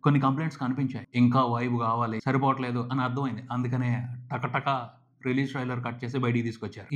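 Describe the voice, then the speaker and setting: Brief: male film commentator, emphatic and punchy, mid-pitched, very fast. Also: fairly bright tone. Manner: emphatic and hyped, piling up short exclamations. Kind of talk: enthusiastic film trailer review.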